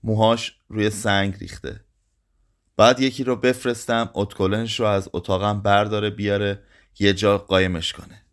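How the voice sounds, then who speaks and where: Numb grieving young guy, quiet, tired, narrator doing him. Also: lowish voice, flat delivery, natural voice. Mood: numb, pleading.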